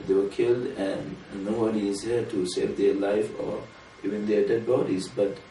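A man with a fairly low voice delivers an earnest, measured sermon, pressing harder on key points. He sounds set back from the mic in an echoing room, with a faint hiss underneath. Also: flat delivery, dark tone. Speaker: religious speaker. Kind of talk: sermon to a small gathering. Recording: roomy room from a distance, faint noise.

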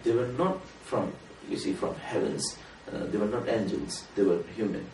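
A man giving an earnest sermon to a small gathering, speaking in a measured way that rises for emphasis. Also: on the low side, a little mellow. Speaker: religious speaker. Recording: roomy room from a distance, faint noise.

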